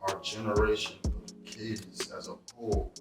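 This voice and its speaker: A man's voice: fairly low pitch, level tone, a little slow. A man co-hosting a podcast in casual, rambling conversation. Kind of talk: casual chat. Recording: echoey room, far from mic, music behind.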